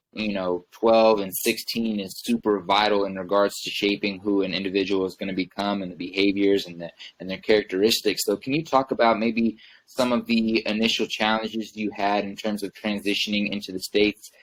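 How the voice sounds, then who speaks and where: A man's voice: on the low side, low-quality recording. A man hosting a podcast, friendly and casual, calling his guest brother. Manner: warm-up hype, friendly, calls guest brother. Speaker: podcast host.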